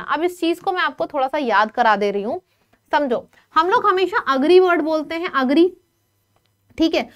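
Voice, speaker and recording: A woman teaching an online vocabulary lesson in a lively, coaxing way, often asking her students questions. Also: high-pitched.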